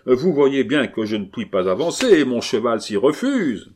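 A man voicing an angry male carter who shouts and swears because he is stuck in a crowd. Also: medium pitch, sing-song, unhurried, slight background noise, pitched above the performer's own voice. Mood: exasperated shouting. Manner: exasperated, shouting oaths.

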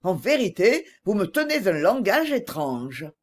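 A woman's voice: medium pitch, big pitch swings, unhurried. A woman reading an audiobook voices a passionate young man who speaks reproachfully.

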